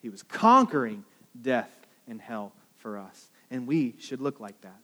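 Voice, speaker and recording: A man's voice: mid-range voice, sing-song, a little slow, pushed and bright. A man preaching a sermon to a congregation in a casual, joking way, often checking in with "right?". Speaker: pastor.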